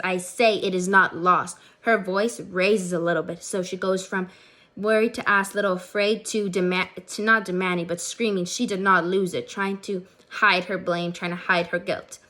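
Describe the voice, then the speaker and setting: A young woman, a student co-director, earnestly reading out an explanation of her scene, slightly hurried. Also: fairly low pitch, a bit bright.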